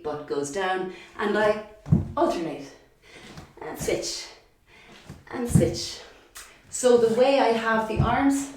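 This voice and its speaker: A woman's voice: mid-range voice, a little mellow, far from the mic, a little hiss or hum. Echoey, breathless woman yoga teacher. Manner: chatty, encouraging, self-deprecating, counts reps aloud. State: out of breath while exercising. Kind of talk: guided yoga class instruction. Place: yoga studio.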